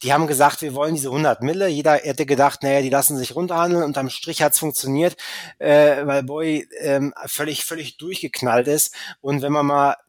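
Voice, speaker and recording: A man's voice: on the high side, steady tone, brisk, dry recording. A man in casual football chat, opinionated and hesitant, full of fillers and restarts. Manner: opinionated, argues his view.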